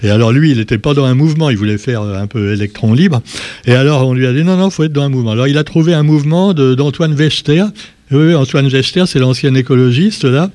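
A man from Réunion runs through the day's papers in an offhand, joking manner, full of asides. His voice sits at an ordinary middle pitch, and the recording is dry and close with no room sound. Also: brisk, a little mellow, no echo. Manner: chatty and ironic, with asides and jokes. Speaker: press review host. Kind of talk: casual spoken press review.

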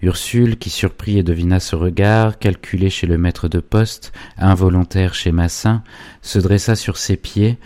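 A man narrating a classic novel in a measured, even literary reading. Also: low-pitched, dry recording. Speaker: audiobook narrator.

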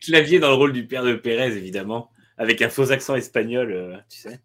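A man's voice: medium pitch, brisk, fairly bright tone. A man co-hosting a podcast, chatting casually and tossing in wry jokes. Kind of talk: casual chat.

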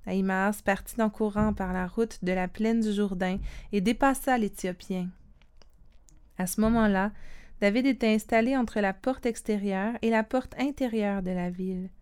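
A woman giving a calm, steady scripted reading of a Bible story, voicing the quoted lines in the same plain tone. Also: mid-range voice, moderate pace, clean tone.

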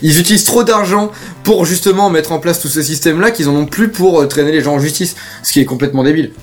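A man's voice: a little high, fast, soft background music. Rambling young man, podcast co-host. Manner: rambling, hesitant with many fillers. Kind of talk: casual podcast chat.

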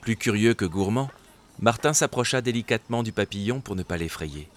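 A man's voice: on the low side, brisk, slight background noise. Man reading a story over birdsong. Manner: gentle, expressive storytelling. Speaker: narrator. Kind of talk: storybook narration.

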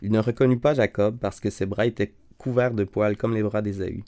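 Low-voiced man reading a Bible story. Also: steady tone, fairly quick. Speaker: narrator. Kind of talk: scripted Bible story narration. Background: soft guitar music.

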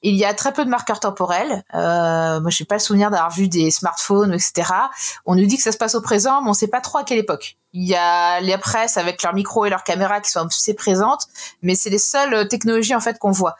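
A young woman speaks with a slightly nasal, blocked-nose sound from a cold. She reviews a comic in a relaxed podcast chat, often pausing and restarting her sentences. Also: mid-range voice. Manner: hesitant, frequent pauses and restarts.

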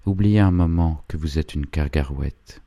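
A man's voice: rumbling low, normal speed, no echo. Coaxing old country priest, read by a man. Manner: insinuating, gently coaxing. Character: old village priest, persuasive and patient. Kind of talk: audiobook character reading.

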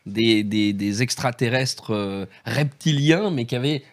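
A man's voice: medium pitch, measured pace. A man on a board-game panel, explaining things hesitantly, with many fillers. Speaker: panel guest. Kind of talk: casual panel chat.

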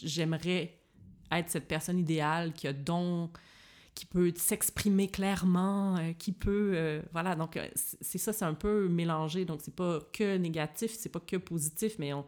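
A woman's voice: fairly low pitch, a little mellow. A woman from Quebec with a Québécois accent, chatting casually with plenty of fillers and restarts. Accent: Québécois French. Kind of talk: casual chat.

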